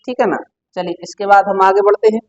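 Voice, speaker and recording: Male tutor, high-pitched, drilling students with repeated questions; muffled lo-fi recording. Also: fairly even intonation, brisk, slight background noise. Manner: quizzing the listener with repeated questions. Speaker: teacher. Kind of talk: exam-prep Hindi vocabulary lesson. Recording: dull lo-fi sound.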